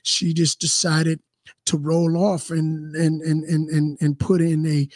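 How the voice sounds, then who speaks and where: Male show host, husky, effusive, repeats himself, sing-song sign-offs. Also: on the high side, monotone, a little slow, a little mellow, dry recording, clean studio sound. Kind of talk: casual talk show chat.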